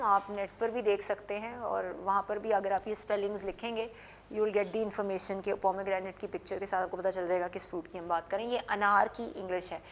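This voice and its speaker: A woman teaching English words in a television lesson, patiently repeating and spelling each word slowly for learners to copy. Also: mid-range voice, slight background noise. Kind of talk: classroom lesson with repetition drills.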